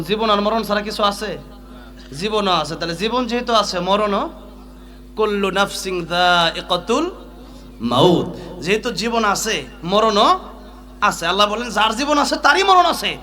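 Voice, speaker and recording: A man's voice: sits high, animated, unhurried, long pauses. A young man preaching a sermon, chanting and singing refrains and urging the crowd to call out along with him. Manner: sings melodic refrains, urges the crowd to shout along. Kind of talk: Bengali waz sermon, chanted and sung.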